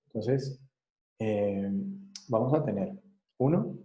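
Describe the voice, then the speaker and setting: Casting: man, lecturer, very dark and mellow tone, lowish pitch, patient explaining style. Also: takes it slowly, low-quality recording. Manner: explanatory, checks understanding with frequent tag questions. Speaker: psychology lecturer. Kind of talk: recorded class lecture.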